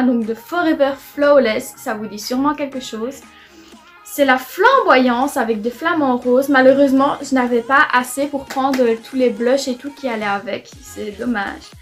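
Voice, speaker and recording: A young woman casually chatting through a makeup try-on at home, enthusiastic and full of fillers. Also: sits high. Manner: chatty, enthusiastic, repeats "franchement" often. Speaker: beauty vlogger. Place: home room near a window.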